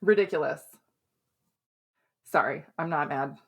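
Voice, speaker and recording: Chatty woman health coach, lowish voice. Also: highs cut off. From Minnesota. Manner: chatty, keeps asking "right?"; laughs often, quick asides. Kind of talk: casual advice talk to camera.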